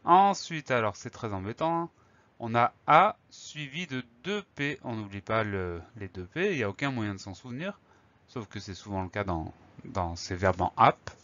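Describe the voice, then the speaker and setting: A man teaching a spelling lesson, calmly explaining words and spelling them letter by letter. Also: on the low side, normal speed, dull audio.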